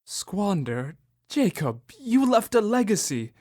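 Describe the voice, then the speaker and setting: An actor playing the miserly old Ebenezer Scrooge in a student radio drama, querulous and dismissive, wheedling when frightened. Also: male voice, sits high, sing-song, slow pace, a little mellow, heavily acted.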